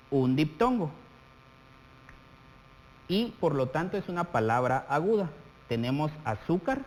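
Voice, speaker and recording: A man from Guatemala teaches a televised lesson in a fairly high voice with a very lively, rising and falling pitch. He talks directly to the viewer and draws out the example words slowly as he dictates them. The studio has a long reverb, with a faint hum underneath.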